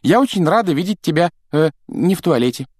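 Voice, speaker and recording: A man voicing an earnest schoolgirl who speaks in a hurried, eager, forced-cheerful way in a storybook reading. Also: a little high, animated, darkish tone, dry recording, studio quality, voice pushed up.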